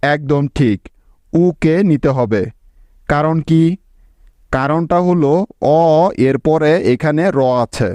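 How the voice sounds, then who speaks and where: A man's voice: on the high side, darkish tone, no room sound. A man teaching an English spelling lesson, breaking each word into syllables and patiently checking that his students follow. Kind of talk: spelling lesson explained step by step.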